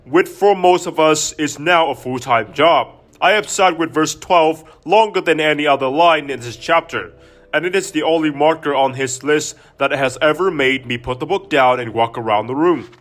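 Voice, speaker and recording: Male narrator, slightly high pitch, reflective and confessional, scripted. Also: moderate pace, fairly bright tone.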